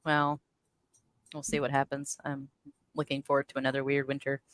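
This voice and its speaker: A woman's voice: a bass voice, completely flat delivery, moderate pace, no room sound. A woman, co-hosting a casual chat and laughing often. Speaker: podcast co-host.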